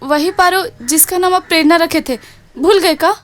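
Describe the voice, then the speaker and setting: A woman's voice: very high-pitched, moderate pace, a bit bright, dry recording. A woman playing an earnest village girl. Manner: earnest, rustic dialect, laughs easily. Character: determined village girl grown into art teacher.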